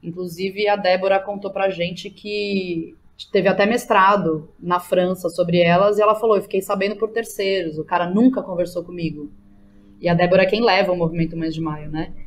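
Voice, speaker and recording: Fairly low in pitch, steady in tone and moderate in pace, this São Paulo-accented woman is a playwright and theatre educator being interviewed on a casual podcast. She talks slangily, thinks out loud and keeps checking in with the listener, over a little hiss or hum.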